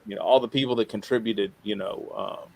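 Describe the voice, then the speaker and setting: A man talking casually as a podcast guest, halting and rambling as he repeats himself, with informal swearing. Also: lowish voice, fairly even intonation, creaky, no room sound, rough recording. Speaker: podcast guest, radio show co-host. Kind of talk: casual interview talk.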